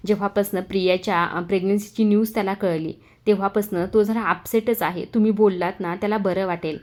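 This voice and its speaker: A woman's voice: medium pitch, fairly even intonation, a little fast, a little mellow, lightly acted. Woman narrator doing a tearful middle-aged mother, pleading. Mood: affectionate.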